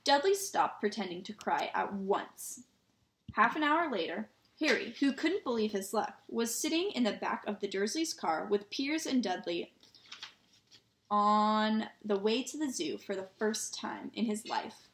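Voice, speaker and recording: A woman reading a children's novel aloud in a relaxed way, with small slips and restarts, in a roomy-sounding recording. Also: medium pitch, measured pace, slight background noise. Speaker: reader. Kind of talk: storybook read-aloud. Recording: roomy echo.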